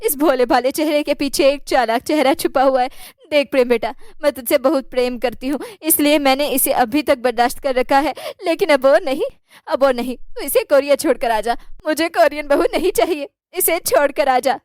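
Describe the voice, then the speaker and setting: A stern older mother-in-law in a cartoon, scolding her daughter-in-law dramatically, as a woman narrator puts her on. The voice sits lower than the narration but stays quite high. The sound is close and dry. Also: normal speed, darkish tone, no room sound, close to an everyday voice. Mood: outraged.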